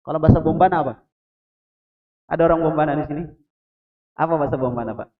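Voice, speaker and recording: A man from Indonesia giving a lively mosque sermon, putting questions to the congregation and joking with them. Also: fairly high pitch, fast, narrow, tinny audio. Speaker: preacher.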